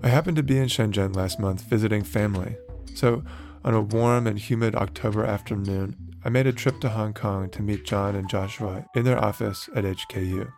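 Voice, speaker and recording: A man hosting an architecture podcast, reading a scripted introduction in a measured presenter's delivery and then asking his guests questions. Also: on the low side, gravelly, darkish tone, faint music behind. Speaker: podcast host.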